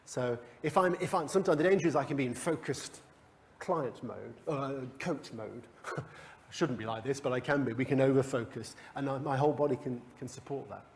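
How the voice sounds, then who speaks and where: A man's voice: mid-range voice, fairly quick, slight background noise. A man leading a coaching workshop for a live group, talking conversationally with restarts and chuckles. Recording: long hall reverb.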